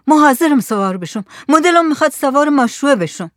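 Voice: sits high, animated, a bit bright, no echo, studio quality, voice pushed up. A reader voicing an eager, anxious male fisherman who speaks up in a keen, pleading way.

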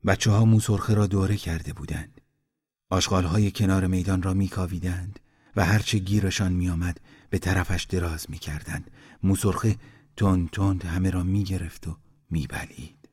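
A man reading a story aloud in a calm, measured way, giving each villager a voice. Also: low-pitched, slightly rough. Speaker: narrator.

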